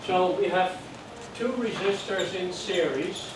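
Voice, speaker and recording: An older Dutchman, an amateur radio course instructor with a Dutch accent, lectures slowly on electronics in a voice that sits a little high for a man. His explanations are plain, patient, and step by step, sprinkled with jokes and check-ins with the class. The recording comes from far across a very echoey room, with obvious background hiss.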